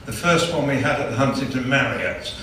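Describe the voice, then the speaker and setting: A man tells a chatty, joking story at a gala dinner. His voice is bright and forceful, heard from a distance. The big hall gives it a strong, roomy echo. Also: medium pitch, brisk, a little hiss or hum. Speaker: club chairman giving an award speech. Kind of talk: after-dinner presentation speech. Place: large banquet hall. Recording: echoey hall, distant mic.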